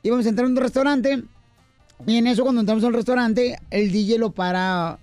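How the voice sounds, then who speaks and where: A man hosting a comedy radio show, loud and boisterous as he shouts catchphrases and tells stories. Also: very high voice, steady tone, a little fast, no echo, faint music behind.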